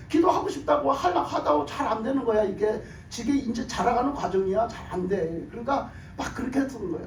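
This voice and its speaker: A man preaching a sermon in a hoarse, worn voice, pressing his point with rhetorical questions and laughter. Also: very high voice, a little hiss or hum. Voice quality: hoarse, broken voice from years of shouted prayer. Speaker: pastor. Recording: echoey room, mic at a distance.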